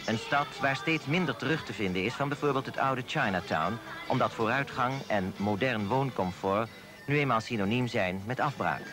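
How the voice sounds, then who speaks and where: A man giving formal, measured scripted voice-over narration for a documentary. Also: medium pitch. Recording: voice-over with loud music behind.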